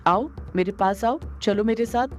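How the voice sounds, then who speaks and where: A woman's voice: mid-range voice, moderate pace, lightly acted. A woman voicing a menacing male villain who commands an army of the dead, speaking in a mock-sweet, taunting way.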